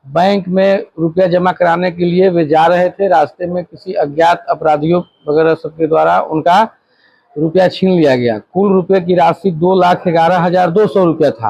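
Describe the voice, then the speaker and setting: A man's voice: fairly high pitch, vocal fry, a little mellow, no echo, poor audio. A man makes a formal statement to the press, in official wording.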